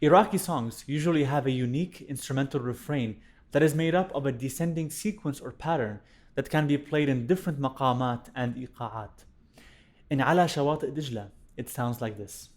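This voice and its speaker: A young man born in Iraq, a violinist teaching a music lesson to camera in a clear, explanatory way, recorded on a studio microphone indoors. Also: mid-range voice, normal speed, darkish tone. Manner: clear, explanatory, chants rhythm syllables in time. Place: indoor studio room with plant. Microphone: studio condenser mic on stand.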